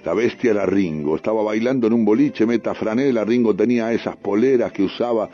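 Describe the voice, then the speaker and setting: A man's voice: lowish voice, brisk, warm tone. A middle-aged man with a Rioplatense accent telling a rambling, streetwise story and acting out the dialogue himself. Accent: Rioplatense Spanish. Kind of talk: spoken storytelling monologue. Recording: dull lo-fi recording with faint music.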